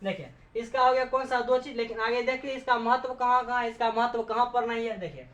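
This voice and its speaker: Woman teacher, kinda high voice, asks then answers her own questions, says okay a lot, muffled lo-fi recording. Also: a little fast. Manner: frequent "okay" checks with students. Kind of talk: classroom lecture. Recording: echoey room, dull lo-fi sound.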